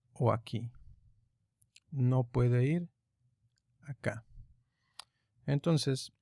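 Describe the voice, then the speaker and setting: A man teaching an online lesson, explaining grammar rules patiently and step by step, pausing often with fillers. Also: mid-range voice, creaky, mellow, dry recording, clean studio sound. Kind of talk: online lesson on Greek accents.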